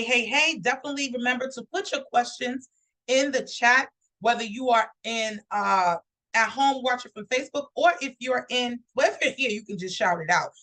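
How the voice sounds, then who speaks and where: Bright, upbeat woman hosting a live show. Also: a little high, rough recording. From New York. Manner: upbeat and chatty, addresses viewers directly. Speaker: host. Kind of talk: live-stream talk show host.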